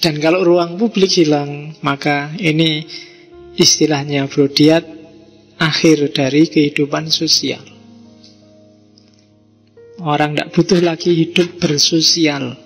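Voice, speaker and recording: A man's voice: on the high side, fairly even intonation, slow pace, pauses often. A man with a Javanese accent giving a casual, teasing philosophy lecture to a live audience, full of rhetorical questions and local slang. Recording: hall reverb with faint music.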